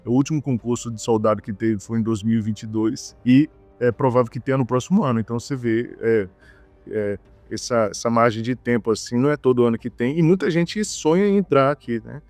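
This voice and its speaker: Male interview guest from Bahia, mid pitch, dry sound, lots of fillers. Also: brisk, darkish tone, no room sound, soft background music. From Bahia, Brazil. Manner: fillers and repeated words. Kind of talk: conversational interview.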